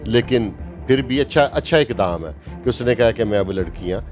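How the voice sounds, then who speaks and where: Brief: emphatic Pakistani journalist, fifties, faint music behind. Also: male voice, lowish voice, expressive. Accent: Pakistani Urdu. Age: 50s. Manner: emphatic, opinionated, slows down to stress points. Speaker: journalist guest. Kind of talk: interview talk.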